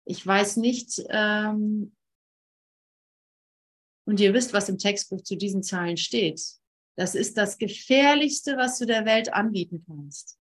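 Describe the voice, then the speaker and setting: Slow, earnest woman teaching spirituality. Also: mid-range voice. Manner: earnest, emphatic, with repeated phrases and frequent pauses. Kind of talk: informal spiritual teaching session.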